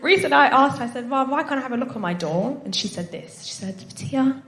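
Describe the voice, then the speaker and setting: A woman's voice: high voice, expressive, fast, pushed and bright. A woman doing live stand-up, chatty with the audience and given to snorting giggles. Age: 20s. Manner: giggles and snorts while laughing; chatty, addresses the audience with frequent tag questions. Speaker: stand-up comedian. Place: stage at a live comedy night. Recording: echoey live venue with background noise.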